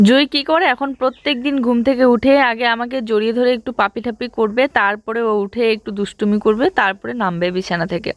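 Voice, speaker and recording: A young woman talks casually to her viewers, her voice sitting a little high. The sound is dry and close, with no room around it. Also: fast, few pauses, no room sound. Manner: relaxed, talking to viewers. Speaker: family vlogger and mother. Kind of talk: casual vlog narration.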